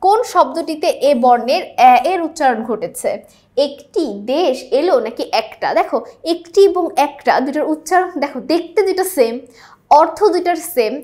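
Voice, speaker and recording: A young woman with a high, bright-pitched voice works through exam questions like a patient tutor. She keeps stopping to ask whether the listener follows before giving the answer. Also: expressive, normal speed. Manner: checks in with rhetorical questions. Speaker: teacher. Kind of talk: exam-prep lesson explaining answers.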